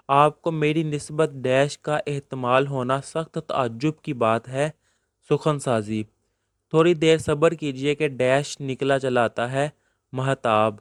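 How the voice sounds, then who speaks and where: A man's voice: mid-range voice, smooth, dry recording, clean studio sound. A male teacher with a Pakistani Urdu accent going through a textbook lesson, reading each question aloud and giving its answer, dropping English words in as he goes.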